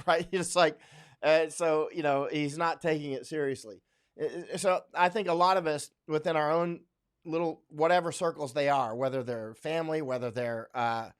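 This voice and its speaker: A man's voice: fairly high pitch, clean tone. A man from Florida hosting a casual livestream, reading viewer comments aloud and answering them in a rambling way full of fillers and restarts. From Central Florida, USA. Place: home in Thailand.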